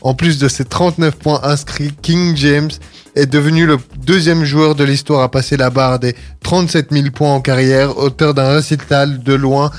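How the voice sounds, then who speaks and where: A man's voice: on the high side, fairly even intonation, moderate pace. A man reading short sports news items fluently on a radio show. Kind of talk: read sports briefs.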